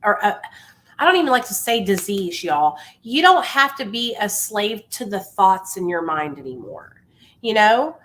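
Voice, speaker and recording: Speaking on addiction recovery, this female livestream host has a mid-range voice with big pitch swings, a slightly slow pace and a bit of brightness. Her motivational talk to viewers is impassioned and informal, full of insistent emphasis and repeated phrases meant to hammer points home, all delivered in a familiar, casual manner.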